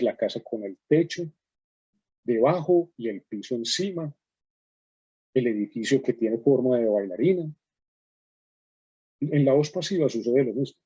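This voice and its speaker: A man's voice: medium pitch, warm tone, breathy edge, no room sound, highs cut off. A man teaching a writing workshop, explaining patiently with many fillers and checks like "right?". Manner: explanatory, frequent "¿cierto?" and fillers. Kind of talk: online workshop lecture.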